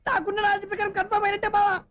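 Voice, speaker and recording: A high-voiced motormouth buddy. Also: male voice, no room sound. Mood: eager. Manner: excitable, rapid chatter. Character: excitable young man, nosy meddling friend. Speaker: comic friend in a film. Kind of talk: film comedy dialogue.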